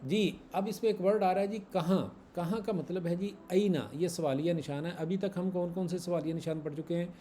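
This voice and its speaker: A man's voice: sits high, moderate pace, hardly any pauses, warm tone, a little hiss or hum. A man teaching a class, patiently repeating examples and quizzing his students. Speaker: Arabic grammar teacher. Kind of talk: online class lesson.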